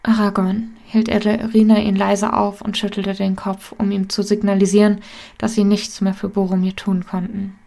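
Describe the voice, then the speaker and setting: A woman reading a fan fiction story aloud in a measured narration. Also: medium pitch, level tone, gravelly, dark tone.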